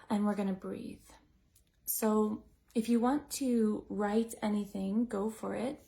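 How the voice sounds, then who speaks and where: A woman leading a breathwork class, talking in a gentle, musing way, full of "like" and "you know". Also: medium pitch, fairly even intonation, slow pace, vocal fry. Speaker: breathwork teacher. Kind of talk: reflective teaching talk to a group.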